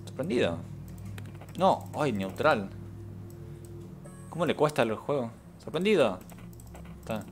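A man's voice: medium pitch, expressive, measured pace, long pauses, faint music behind. A young man, streaming a game, reading the game's text aloud and reacting with casual, sarcastic, swearing asides.

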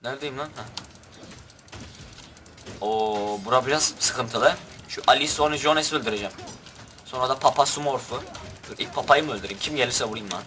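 Bright-voiced young gaming guy, excitable. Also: mid-range voice, brisk, long pauses, slight background noise. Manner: excitable, crude, shouts orders at his troops. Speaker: gaming youtuber. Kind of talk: gameplay commentary.

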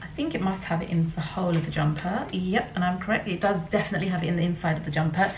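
A woman's voice: on the low side, racing, a little mellow, slight background noise. A young woman with a Yorkshire accent chatting casually through a clothing try-on haul, with light laughs and small restarts. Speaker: fashion vlogger. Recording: roomy, slightly distant home recording.

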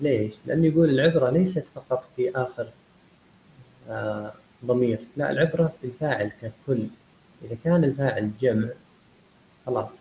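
A man's voice: medium pitch, a little hiss or hum. A man teaching a university English class in a live online lecture. He explains step by step, checks often whether the students follow, and mixes Arabic explanation with English examples. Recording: dull lo-fi online lecture audio.

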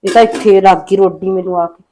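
A woman's voice: extremely high pitch, fast, slight background noise. Woman playing a grumbling young daughter-in-law. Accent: Punjabi. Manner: grumbling under her breath, sharp retorts. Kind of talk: village short film acting.

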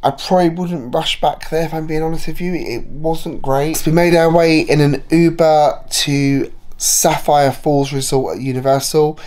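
A man talks his way through a holiday vlog, his voice a little hoarse from a cold. He rambles in an easy, chatty manner, filling gaps with ums and uhs. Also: a little high, steady tone, moderate pace, a little mellow. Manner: chatty, rambling with many fillers. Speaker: travel vlogger. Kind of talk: casual vlog narration.

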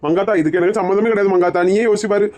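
A woman doing a fast-talking teasing Kanyakumari relative. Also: medium pitch, steady tone, darkish tone, lightly acted. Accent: Kanyakumari Tamil. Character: teasing relative who mocks the bald aunt.

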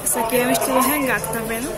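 A woman's voice: fairly high pitch, steady tone, rapid-fire. A woman chatting through a shopping vlog at a market stall, recorded on a handheld phone and constantly checking in with viewers. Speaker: vlogger showing wholesale suppliers. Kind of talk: casual shopping vlog walkthrough. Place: indoor clothing market stall. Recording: loud market crowd and music.

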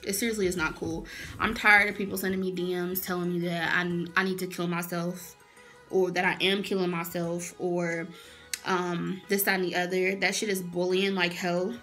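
A woman's voice: lowish voice, flat delivery, normal speed, fairly bright tone, faint music behind. A woman in her early twenties, talking straight to camera in a blunt, fired-up, swearing casual rant from a small room. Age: early 20s. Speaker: vlogger.

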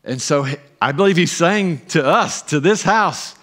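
A middle-aged pastor preaches a sermon from a church stage, animated and emphatic, his voice a little high as it rises for emphasis between pauses.

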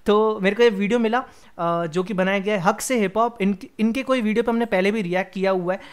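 A man's voice: high voice, fairly even intonation, a little fast, clean tone. A young man hosting a music reaction video, chatting casually and energetically while mixing in English phrases.

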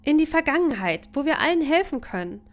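Eager young ghost hunter girl, insistent, bright lifted voice, a woman reading her lines. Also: high-pitched, very animated, brisk, voice pushed up.

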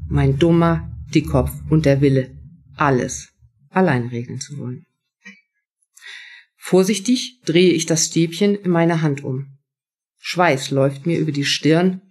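A woman's voice: sits low, darkish tone. A woman author reading first-person prose from her own novel at a live event.

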